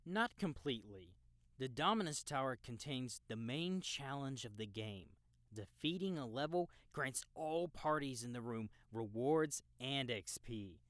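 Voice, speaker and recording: Acting a character in an audiobook, a man plays a relaxed young veteran gamer casually and knowingly walking a newcomer through how the world works. His mid-range voice is animated, unhurried, and fairly bright. The studio recording is clean, with no echo.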